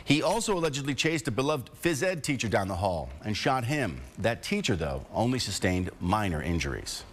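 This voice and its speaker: A man's voice: fairly low pitch, very animated, moderate pace. An American man reading scripted television news as an anchor.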